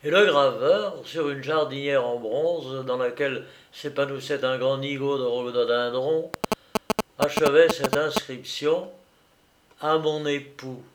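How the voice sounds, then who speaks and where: A man narrates a comic story theatrically, voicing characters with shouts and sudden outbursts. His voice is medium-pitched and a little slow, with a noisy background.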